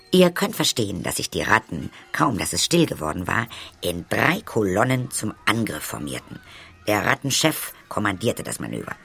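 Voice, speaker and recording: A man narrating a children's audiobook in a lively way, speaking directly to the listeners. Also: on the low side, vocal fry. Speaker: storyteller.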